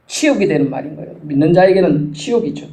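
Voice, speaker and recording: A man preaches to his congregation in a high, mellow voice. He is animated, and his voice climbs higher when he stirs them. The sound carries the echo of a church sanctuary. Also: fast talker. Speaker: pastor. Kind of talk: sermon.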